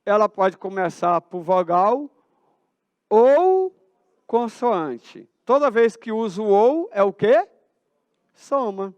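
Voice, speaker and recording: High-voiced Brazilian math teacher quizzing class. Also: male voice, slow, clear, resonant tone, dry recording, dull audio. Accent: Brazilian Portuguese. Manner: asks the class questions and answers them himself. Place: school auditorium.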